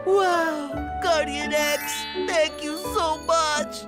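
A woman's voice: sits high, fairly even intonation, extremely slow. A woman voicing a sulky, melodramatic boy diesel locomotive in a children's cartoon, with music behind. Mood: awestruck. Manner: pouty, melodramatic. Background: loud music.

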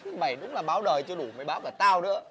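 A man's voice: sits high, animated, racing, lo-fi sound. A man with a Northern Vietnamese accent playing an exasperated older brother who scolds his little sister in a village comedy sketch. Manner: scolding, exasperated, loud complaining.

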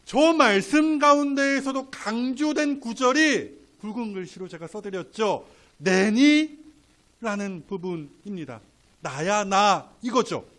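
A male pastor preaching a sermon, swinging between soft, casual asides and loud, drawn-out emphatic lines. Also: sits high. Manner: colloquial, playful asides.

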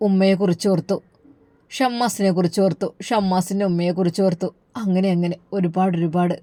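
A woman with a Malabar Malayalam accent narrating a family story in an emotive, unhurried way. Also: on the low side, fairly even intonation, mellow, no room sound.

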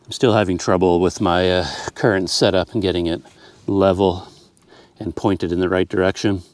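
Middle-aged male travel vlogger, low register, casual and unscripted, thinking out loud in the open air. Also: steady tone, moderate pace, no echo. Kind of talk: casual unscripted vlog commentary. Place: outdoors on open countryside paths and roads.

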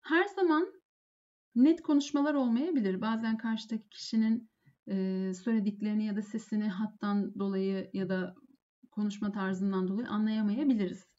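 Woman, English teacher, lesson on phone phrases, mellow tone, dull lo-fi sound. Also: mid-range voice, steady tone. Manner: reads English phrases slowly, then translates each.

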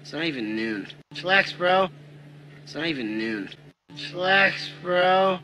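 A man's voice: high voice, expressive, slow, pushed and bright, slight background noise, full character voice. A man delivering casual, laid-back slang lines in sitcom dialogue clips.

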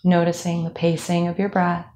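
A young woman instructor leading a calm guided body scan meditation, speaking slowly with soft fillers. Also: lowish voice. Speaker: movement instructor.

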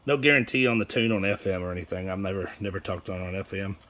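A low-pitched man talks fast in a bright, forceful tone while casually rambling through a matter-of-fact demo of used radio equipment he's selling. He recorded it on a handheld phone held near the radio in a small room, and background noise is clearly audible.

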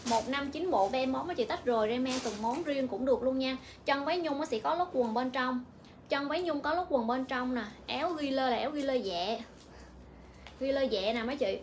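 Her high, bright voice and Vietnamese accent drive a quick sales patter as this young woman hawks clothes live, repeating every price. Background noise from the shop is plainly audible.

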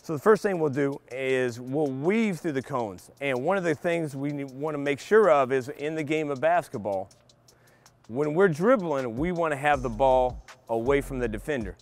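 A middle-aged man coaching basketball, calmly explaining drills step by step to young players in a large empty indoor arena. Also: mid-range voice, moderate pace, soft background music. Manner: patient step-by-step explaining to kids. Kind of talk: instructional clinic demonstration.

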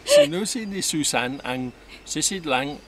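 A British man chatting casually and haltingly trying tongue twisters, repeating unfamiliar words. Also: a little high, wildly swooping pitch, a loud crowd. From United Kingdom. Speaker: husband co-hosting a couple's vlog. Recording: noisy home-video recording, loud background noise.

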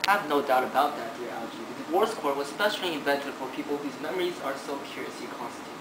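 A young man in his teens acting a breezy, lovestruck gentleman in an amateur play, with formal, exclamatory delivery. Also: mid-range voice, lively intonation, fast, close to an everyday voice. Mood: eager. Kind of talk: amateur stage-play acting for a student project. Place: large living room, indoors. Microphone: camera a few metres away. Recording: echoey, noisy room from camera distance.

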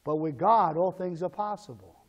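A male pastor preaching a sermon in call-and-response style, swinging between shouted calls and low asides. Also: normal speed, big-room sound, muffled recording.

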